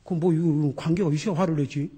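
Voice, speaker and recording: A middle-aged man preaching a sermon as pastor, animated and laughing, swinging between loud exclamations and quiet emphasis. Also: on the high side, fast, husky.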